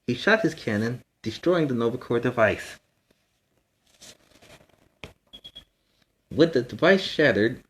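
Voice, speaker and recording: Casting: man as a friendly young male superhero hosting kids' storytime, mid-pitched voice, earnest and encouraging, chatty asides between storybook passages. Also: natural voice, poor audio. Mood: earnest narrating. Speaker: storytime host and reader. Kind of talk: children's storybook reading with asides.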